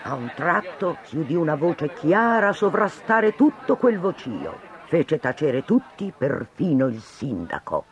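A man narrating a fairy tale in an expressive storybook reading. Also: fairly high pitch, measured pace, hardly any pauses.

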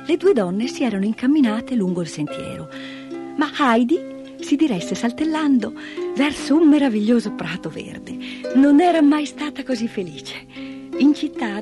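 A woman narrating a children's storybook with lively, expressive delivery. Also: a little high. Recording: dry close mic, soft music behind.

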